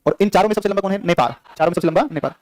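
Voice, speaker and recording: Rapid-fire male teacher drilling students. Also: high-pitched, no room sound, studio quality. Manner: rapid, repetitive drilling with quiz questions to students. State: sore throat. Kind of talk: exam-prep classroom lecture.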